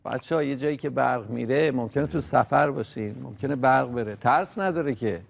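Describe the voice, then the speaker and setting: A man hosting a children's TV show from a studio, patient and gently scolding as he talks with puppets. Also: medium pitch, vocal fry, slight background noise. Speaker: children's TV host. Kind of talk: talking to puppets and young viewers.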